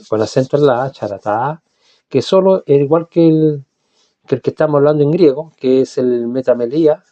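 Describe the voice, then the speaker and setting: A man's voice: mid-range voice, dark tone, dry recording, highs cut off. A man giving a teaching sermon, explaining patiently and often checking in with his listeners. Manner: explanatory, repeats words and checks with "¿ya?". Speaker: Bible teacher.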